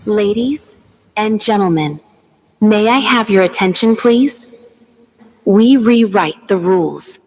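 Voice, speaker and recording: A woman's voice: animated, background noise. Woman announcing over the intercom. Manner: slow, booming, drawn-out delivery. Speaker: show intro announcer. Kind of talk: dramatic countdown announcement. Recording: distant voice under loud music.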